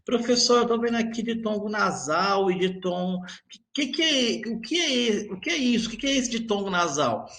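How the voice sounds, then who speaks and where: A confused student pipes up with hesitant, halting questions. The voice sits well above a man's usual pitch and sounds bright and eager, as a male teacher puts it on. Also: animated. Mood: puzzled. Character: puzzled student asking the teacher.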